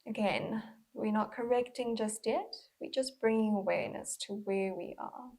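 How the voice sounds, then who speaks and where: With a slightly husky, breathy voice on the high side, a woman works through a guided body scan as a mindful movement instructor, pausing often and never rushing her gentle delivery.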